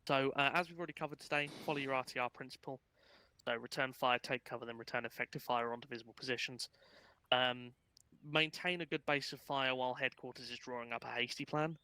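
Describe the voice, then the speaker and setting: A man's voice: mid-range voice, steady tone, quick pace, bright, forceful tone, clean tone, low-quality recording. A man casually briefing his gaming unit on tactics over voice chat, with lots of ums and uhs. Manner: casual, chatty, filler-heavy explaining. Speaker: unit instructor.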